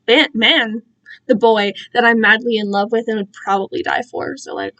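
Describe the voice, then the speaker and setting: A young woman livestreamer chats casually to her viewers while alone in her room, rambling off on tangents with slang and self-deprecating asides. Her fairly high voice holds a steady tone at normal speed and sounds fairly bright, though the highs are cut off.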